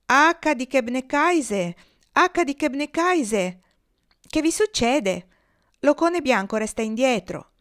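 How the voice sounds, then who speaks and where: A woman voicing a flock of frantic geese calling from the rear of the formation, with slow, alarmed, drawn-out cries. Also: high-pitched, lively intonation, a bit bright, pitched above the performer's own voice, full character voice.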